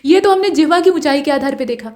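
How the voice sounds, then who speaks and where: High-voiced woman teaching a grammar lesson. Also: animated, mellow. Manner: explains patiently, checks understanding with "ठीक है"; sounds out vowels and letters slowly as examples. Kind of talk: online exam-prep lesson.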